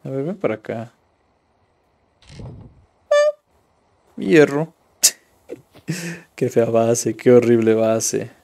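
A man's voice: medium pitch, animated, very slow, creaky, long pauses, warm tone. A young man from Ecuador giving casual live commentary while playing a mobile game and chatting with viewers. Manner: casual, chatty, reads viewer chat aloud. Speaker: streamer.

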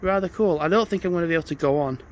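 A man's voice: a little high, racing, rough recording. A man, chatting casually as he walks outdoors with a handheld camera, thinking aloud and reading signs as he goes. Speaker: vlogger. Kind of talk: casual walking vlog narration. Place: outdoors on snowy paths by a stadium. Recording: wind noise on an outdoor mic.

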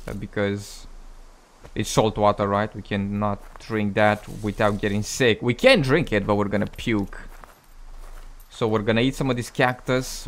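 This man's lowish, slightly bright voice is wearing out, cracking and going hoarse as he plays a survival game for his channel. He keeps up a chatty, self-deprecating running commentary, laughing at his blunders and speaking to his audience.

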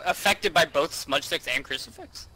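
A man's voice: a little high, bright, forceful tone, low-quality recording. A man playing a game with friends in casual voice chat, teasing and bantering. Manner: teasing, fast-talking banter. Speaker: co-player.

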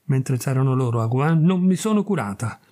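A man reading aloud voices Irma, a sick young woman who is vengeful and clinging and speaks in a breathless, husky way. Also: mid-range voice, lively intonation, brisk, warm tone, lightly acted. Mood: vindictive. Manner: breathless, pleading then fierce. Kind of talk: audiobook reading of a classic tale.

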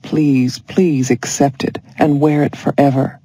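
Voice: medium pitch, level tone, a little slow, mellow. A reader voicing a flustered, pleading young lover. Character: apologetic clumsy young man in love. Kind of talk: audiobook story reading.

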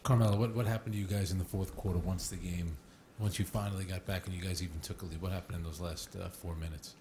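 A man's voice: sits low, steady tone, fast talker, background noise. A male sports reporter asking direct questions at a press conference.

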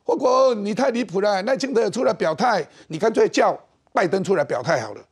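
A middle-aged man with a Taiwanese Mandarin accent, hosting a political talk show with animated, mocking commentary. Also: high voice, fairly quick, slightly rough.

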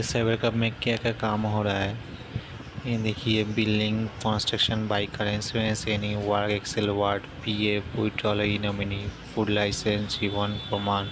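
A man's voice: lowish voice, background noise. A young man in his twenties, a shop owner, casually showing viewers around his small cyber cafe and listing its services one by one. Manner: plain, listing items one by one. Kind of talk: casual shop tour vlog. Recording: echoey small room with faint ambience.

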